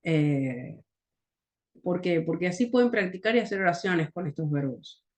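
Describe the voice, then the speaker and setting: A woman with a Rioplatense Spanish accent patiently explains English grammar, frequently checking in with "¿sí?" and slowly repeating English words to show how they're pronounced. Her voice is fairly low and darkish in tone, with lively intonation.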